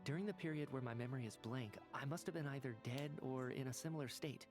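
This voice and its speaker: A man voicing an earnest male scientist in a video game, measured and thoughtful, with faint music behind. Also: mid-range voice, close to an everyday voice. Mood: calm reasoning.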